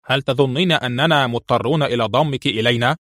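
A man's voice: medium pitch, quick pace, fairly bright tone, no echo, close to an everyday voice. Man reading grumpy harsh general guy, dry close sound. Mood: gruff, angry. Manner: harsh, growling. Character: gruff, ill-tempered Russian general.

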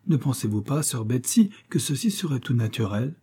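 A man's voice: medium pitch, very animated, normal speed, mellow, breathy edge. A man reading aloud, voicing a wheedling, insistent middle-aged matron who begs for money. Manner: pleading, insistent, dramatic.

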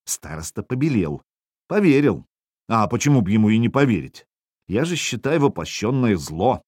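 Male audiobook narrator, lowish voice with a lively, swinging delivery, dry close sound, wry first-person telling. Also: no room sound. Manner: wry, expressive, voices the dialogue.

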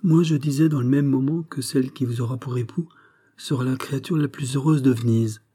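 A man voicing a naive, trusting fourteen-year-old girl who speaks with earnest candor, in his own husky voice. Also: mid-range voice, fairly even intonation, a little fast, mellow, natural voice. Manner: earnest, candid.

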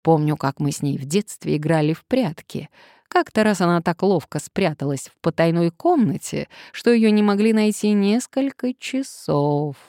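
A woman's voice: on the low side, animated, moderate pace, dark tone, no room sound, studio quality. A woman doing a brooding, vengeful male villain. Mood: brooding menace.

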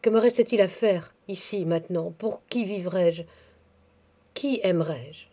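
A woman's voice: lowish voice, a little slow. A woman reading the part of a devout, grieving elderly nursemaid, speaking tenderly and confidingly. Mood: mournful. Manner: tender, pious, softly confiding.

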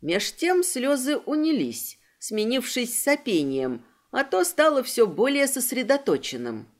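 A woman giving wry, brisk first-person audiobook narration. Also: fairly high pitch, very animated.

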